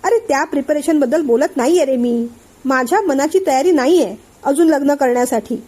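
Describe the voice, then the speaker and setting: A woman's voice: high-pitched, fairly quick, mellow, natural voice. A woman voicing an angry, suspicious young man who keeps firing accusing questions. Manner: accusing, hot-tempered questioning.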